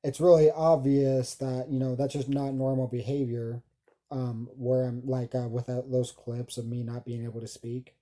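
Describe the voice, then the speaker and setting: A man talks into his camera in a rambling vlog and keeps stumbling over words. His voice is very dark and mellow. He keeps his pitch flat and fills every gap with ums. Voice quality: halting speech with many stumbles and restarts. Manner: rambling, heavy filler words. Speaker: vlogger. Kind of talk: casual self-recorded monologue.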